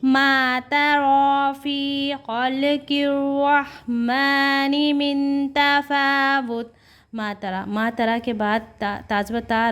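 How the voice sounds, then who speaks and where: Slow-paced woman teaching Quran recitation. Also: mid-range voice. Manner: patient, repeats syllables, slow drawn-out recitation between quick explanations. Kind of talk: tajweed lesson, explaining letter by letter.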